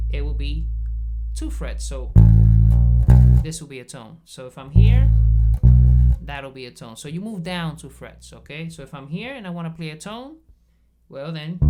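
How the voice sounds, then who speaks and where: A man teaching bass guitar in a casual video lesson, explaining patiently step by step and checking in often. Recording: bass guitar playing between phrases.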